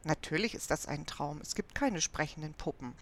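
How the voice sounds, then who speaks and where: A curious eight-year-old boy fires off eager, doubtful questions, voiced by a woman reading a story. A slightly gravelly edge sits under the voice. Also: sits low, moderate pace, slight background noise, voice pushed down.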